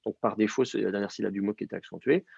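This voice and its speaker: A man's voice: on the low side, steady tone, quick pace, gravelly, darkish tone, breathy edge, no echo, lo-fi sound. A man teaching a language class, explaining step by step and quizzing his student. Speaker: Hebrew teacher. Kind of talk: live class instruction.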